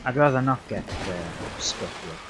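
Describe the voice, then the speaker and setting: A man's voice: fairly low pitch, a little slow, noisy background. Laid-back young man rambling over gameplay. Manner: relaxed, rambling, self-correcting with many fillers. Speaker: livestreaming gamer. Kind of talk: casual gameplay commentary.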